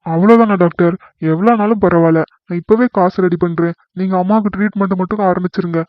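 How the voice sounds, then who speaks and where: A man's voice: high voice, fairly even intonation, fast, dry recording, highs cut off, close to an everyday voice. A man playing an anxious adult son in a cartoon comedy, begging his mother to wake and pleading with the doctor.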